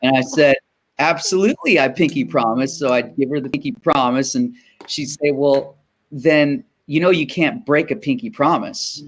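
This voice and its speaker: Rambling man telling a story. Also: medium pitch. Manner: rambling, with many fillers and restarts. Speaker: guest singer-songwriter. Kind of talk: casual storytelling chat.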